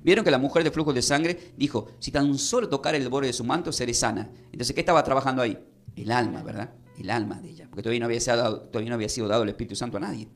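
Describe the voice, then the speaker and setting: A man's voice: medium pitch, rapid-fire, faint music behind. Man preaching a Bible-study sermon. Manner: teaching, asking the congregation to repeat phrases. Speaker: pastor.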